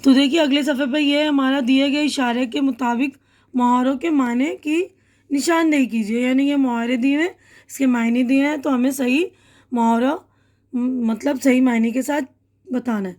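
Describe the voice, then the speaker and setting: High-voiced woman teacher explaining patiently. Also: fairly even intonation, darkish tone. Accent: Indian Urdu. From India. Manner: patient, repeats and corrects herself. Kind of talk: explaining a school lesson to children.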